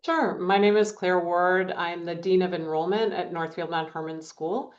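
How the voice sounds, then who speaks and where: A woman who serves as an admissions dean introduces herself on a webinar panel over a video call in a brisk, matter-of-fact way. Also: on the low side, steady tone. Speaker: dean of enrollment. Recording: dull lo-fi audio.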